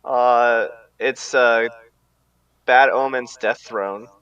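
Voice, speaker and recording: A man's voice: medium pitch, fairly even intonation, extremely slow, a bit bright, smooth, no echo. Man, tabletop player, chatty, easygoing, muffled home mic. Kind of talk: casual chat during a tabletop game.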